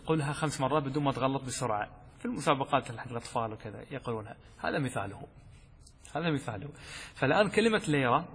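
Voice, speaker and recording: A man teaching a lesson as a sheikh. He explains step by step, asks questions and answers them himself, and slowly chants the verses he quotes. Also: a little high, fairly bright tone, breathy edge. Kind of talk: classroom lesson explaining a text. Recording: long hall reverb.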